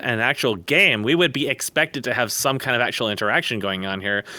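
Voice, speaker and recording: A man with a bright, forceful mid-range voice talks casually as a guest on a podcast, recorded close on a voice-chat mic with no echo. He rambles at length, offering blunt, sardonic, profane opinions.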